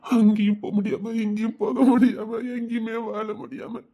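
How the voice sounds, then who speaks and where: A man's voice: high voice, flat delivery, normal speed, mellow. A man playing a grief-stricken father who cries and pleads with his daughter for forgiveness in a TV serial. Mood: anguished. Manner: sobbing, pleading, breaking into tearful laughs. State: crying. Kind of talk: TV serial acting.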